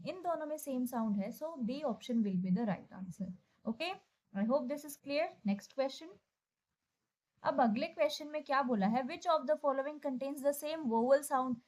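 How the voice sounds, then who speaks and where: A young woman teaching an exam-prep grammar lesson, explaining step by step and slowing down to read sentences aloud. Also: high-pitched. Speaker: English teacher.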